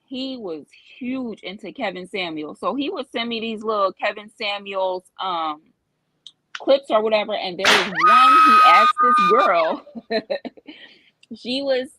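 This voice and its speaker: A woman's voice: mid-range voice, pushed and bright, no room sound, low-quality recording. A woman in her thirties, a show co-host, telling personal stories and giving earnest relationship advice in a candid, conversational way. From Cincinnati area.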